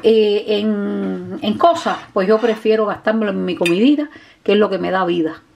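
Mujer cubana charlatana cocinando en casa. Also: female voice, medium pitch, moderate pace, creaky, darkish tone, slight background noise. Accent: Cuban Spanish. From Cuba. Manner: chatty, affectionate, addresses viewers as "mi gente". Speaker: cooking vlogger. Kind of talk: casual cooking vlog talk to viewers. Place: home kitchen. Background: dishes, pots and pans clattering.

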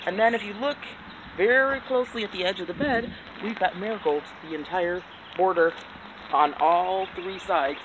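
A woman's voice: fairly low pitch, poor audio. Chatty woman touring her backyard garden. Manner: chatty, excitable, self-deprecating. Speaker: gardening vlogger. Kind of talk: casual garden tour. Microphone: handheld phone camera. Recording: outdoor phone audio with background noise.

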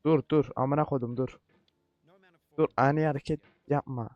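A man giving let's-play commentary, cursing a lot in frustration and repeating short words while coaching himself to stay calm. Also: medium pitch, moderate pace, no room sound, highs cut off. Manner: repetitive outbursts. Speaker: gaming YouTuber.

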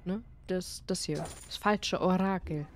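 A woman's voice: fairly low pitch, measured pace. A woman streamer giving casual, playful and chatty commentary while she plays a video game. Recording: faint game music behind. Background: faint music from the game.

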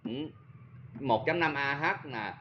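A man's voice: mid-range voice, animated, takes it slowly, highs cut off, a little hiss or hum. Chatty southern Vietnamese man demoing tools. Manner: chatty, self-mocking, talks straight to viewers. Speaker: seller of used power tools. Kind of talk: casual product demo.

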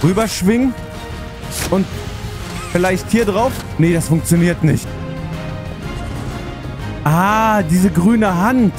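A man's voice: sits high, slow pace, pauses often. A man doing let's play commentary, chatting himself through puzzles and easily spooked. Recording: voice over game music.

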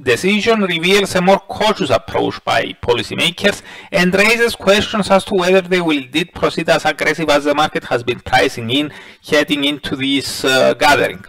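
A middle-aged man presenting a daily market review, reading prepared commentary in a measured way with frequent filler sounds and restarts. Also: fairly high pitch, a bit bright, poor audio. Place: voice-over over presentation slides.

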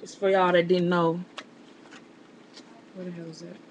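A woman's voice: on the low side, flat delivery, measured pace, noisy background. A young woman vlogging from home, chatting casually to camera with rambling, sarcastic asides. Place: home indoors.

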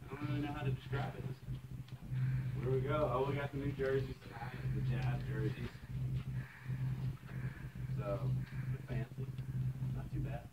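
A young man in his twenties shows kids around a locker room in a loose, rambling way, leaning on fillers and short laughs. His voice sits at an ordinary pitch. It is caught from well away from the camera, in a boomy room with loud noise behind him. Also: flat delivery, moderate pace, long pauses. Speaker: baseball player giving a tour. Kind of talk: casual tour talk. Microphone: far camera. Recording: echoey room, far from the mic, loud background noise.

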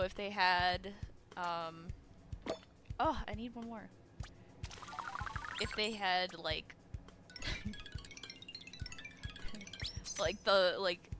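Excitable woman chatting while gaming. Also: mid-range voice. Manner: rambling, excitable, shouts at the game. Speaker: gaming streamer. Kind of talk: casual gaming chat with viewers. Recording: game music behind her voice.

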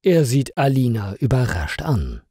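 Male narrator, slow clear reading, lively intonation, dry close recording, story for learners. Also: mid-range voice, dry recording. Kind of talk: scripted narration for language learners.

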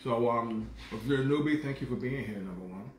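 A man in his fifties talks fairly quickly in a mid-range voice as he hosts a casual live cooking show in his kitchen at home. Animated and playful, he hums with enjoyment over his food. Recorded on a phone camera resting on the counter, the echoey kitchen carries background noise.

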